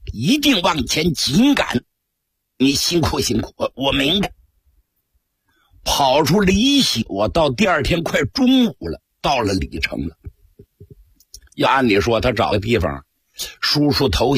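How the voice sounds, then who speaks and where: A male radio storyteller with a very husky, rough voice that swings lively up and down as he spins a traditional tale. He acts out the characters between stretches of narration. The sound is dry and close, with no room around it. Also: medium pitch, no echo.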